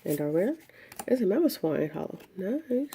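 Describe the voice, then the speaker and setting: A woman giving casual commentary as she opens trading card packs, listing each card one by one in an unhurried way. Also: mid-range voice, very animated, mellow, a little hiss or hum. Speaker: card collector opening packs. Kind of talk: casual pack-opening commentary.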